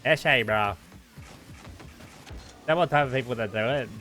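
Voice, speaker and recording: A man's voice: medium pitch, normal speed, a bit bright, faint music behind. An Australian man chatting casually on a livestream in blunt, sweary Aussie street slang. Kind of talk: casual livestream chat with viewers.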